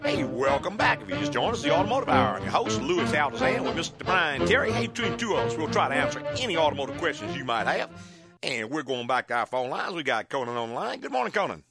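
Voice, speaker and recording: A man's voice: on the high side, very animated, quick pace, creaky, over loud music. A man hosting a car call-in radio show, giving folksy, courteous mechanical advice in a conversational way.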